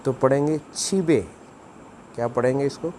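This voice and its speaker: Slow, patient male language teacher. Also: on the low side, darkish tone, a little hiss or hum. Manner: slow, patient explaining, repeating words for practice. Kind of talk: video lesson.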